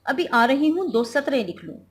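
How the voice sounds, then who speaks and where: A woman teacher reading the lines of a flustered, snappish housewife from a play, sounding exasperated and hurried. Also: fairly high pitch, big pitch swings, a little mellow.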